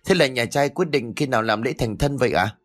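A man's voice: medium pitch, brisk, natural voice. A man voicing a pregnant young village woman who pleads in a raised, strained voice. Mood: hopeful.

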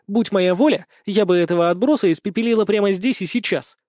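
A tiny female spirit who lives in the hero's head, her thin voice sobbing and fierce, as a male reader puts her on. The pitch jumps up and the sound stays dry. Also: fast, darkish tone, no echo, natural voice. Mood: sobbing fury. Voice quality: thin, small voice.

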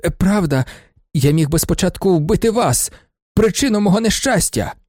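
A man voicing an overwrought, theatrical male swindler who talks in a high, agitated, melodramatic way in a storybook reading. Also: lively intonation, normal speed, warm tone, no room sound, clean studio sound.

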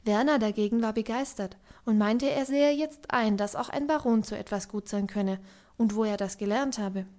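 A woman reading literary prose aloud as an audiobook narrator, in a calm, even way. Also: on the high side, normal speed. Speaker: audiobook reader.

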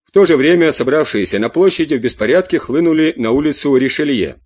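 A man reading a classic novel aloud as an audiobook narrator, steady and measured. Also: a little high.

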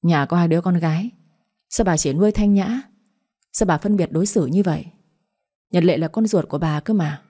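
A woman's voice: lowish voice, moderate pace, pauses often, mellow, lightly acted. A woman voicing a middle-aged father who pleads and reproaches his wife. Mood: indignant. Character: aggrieved middle-aged father, patient then angry.

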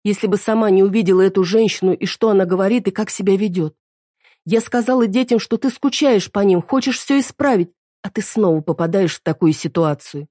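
A woman's voice: medium pitch, a little fast, no echo, studio quality, voice pushed up, lightly acted. A woman voicing a wife who sharply scolds her unfaithful husband. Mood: reproachful. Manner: sharp, reproachful. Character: stern wife, angry and hurt at her husband.

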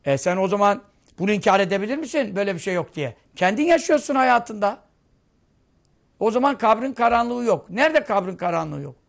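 A man delivers a sermon in a high voice with a gravelly edge, mixing vivid stories with a run of rhetorical questions. His tone is earnest and lively as he presses each point on his listeners. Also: a little fast. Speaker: preacher.

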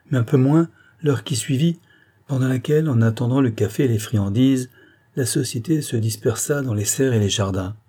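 A man narrating a classic novel as an audiobook, measured and even. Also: on the low side, breathy edge.

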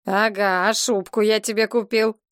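A woman voicing a surly, bossy young male thug in an audiobook, speaking curtly and gruffly. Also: medium pitch, level tone, normal speed, dry recording, clean studio sound, lightly acted. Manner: gruff, curt commands.

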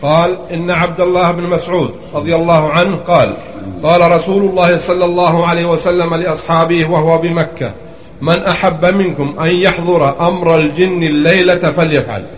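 Guy reading old scripture aloud, kinda high voice, chanty lilt, roomy muffled recording. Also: fairly even intonation. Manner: measured recitation with a slightly chanted lilt. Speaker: student reading the text aloud. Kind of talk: reading a classical text aloud in a lesson. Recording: lo-fi recording in an echoey room.

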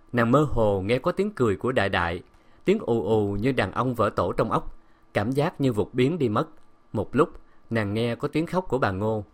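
A man narrating a dramatic novel aloud in a steady, expressive audiobook reading. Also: medium pitch. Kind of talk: audiobook storytelling.

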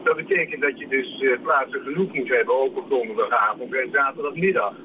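A man's voice: mid-range voice, fairly quick, sharp tone, a little hiss or hum. A man calling in to a radio show over a phone line, explaining things step by step in a matter-of-fact way. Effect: heard over a phone line. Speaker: caller.

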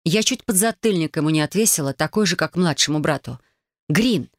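A woman narrating a first-person novel as an audiobook, reading in a lively, expressive way. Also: low-pitched, quick pace, no echo, studio quality.

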